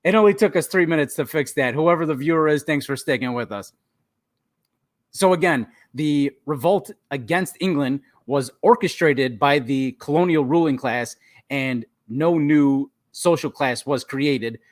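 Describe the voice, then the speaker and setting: A man's voice: on the high side, measured pace, no echo, studio quality. A man co-hosting a casual podcast over a remote call, joking and laughing often, with some swearing. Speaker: podcast co-host.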